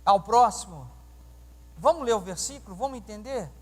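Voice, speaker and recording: A man's voice: high voice, moderate pace, breathy edge. A man preaching a sermon as pastor, telling stories with acted-out dialogue and quizzing the congregation. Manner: animated storytelling, acting out dialogue and questioning the congregation. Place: church sanctuary during a service. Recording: reverberant church hall sound.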